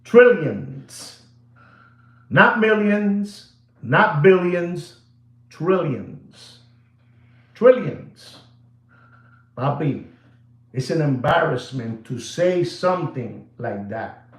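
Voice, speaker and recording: Speaking extremely slowly with long pauses, this high-ish male voice belongs to a show host and watch dealer from New York, USA, in his sixties. He rambles animatedly to camera, mixing in Spanish and calling his viewers "papi", recorded in an echoey room.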